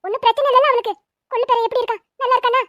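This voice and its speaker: A woman voicing a sharp-tongued old grandmother in a cartoon family drama, with loud and scolding speech. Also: very high-pitched, animated, rapid-fire, dry recording, clean studio sound, heavily acted. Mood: overjoyed. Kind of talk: cartoon dubbing.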